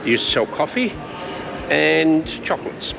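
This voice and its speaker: A man's voice: fairly high pitch, sing-song, normal speed, creaky, music in the background. An Australian man chatting in an informal, matter-of-fact way on a travel vlog. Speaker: travel vlogger. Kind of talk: casual vlog chat.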